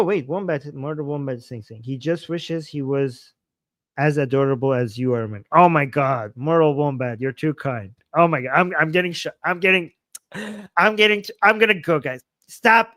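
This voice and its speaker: Pushed and bright, on the high side, the voice belongs to a man in his forties hosting a laid-back livestream. He reads viewer comments aloud, chuckling through playful asides and repeating himself frequently. The recording is dry and clean, studio-grade.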